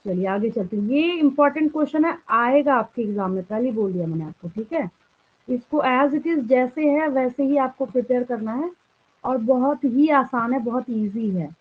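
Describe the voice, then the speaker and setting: A woman's voice: high-pitched, lively intonation, normal speed. A woman with an Indian accent teaching biology to a class, mixing Hindi and English and asking questions she then answers herself. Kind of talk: classroom lecture. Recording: tinny phone-like sound.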